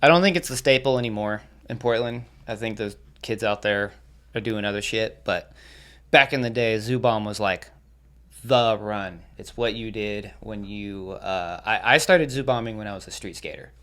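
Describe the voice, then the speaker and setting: A man's voice: on the low side, normal speed, fairly bright tone. A young man, a podcast guest, telling laid-back stories with lots of swearing and laughter. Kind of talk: casual storytelling.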